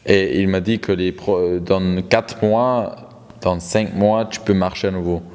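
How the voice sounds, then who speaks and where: Interpreting a testimony live, a man speaks hesitantly, repeating and rewording phrases as he goes. His low voice is steady, unhurried, smooth, and a little mellow, with a long hall reverb around it.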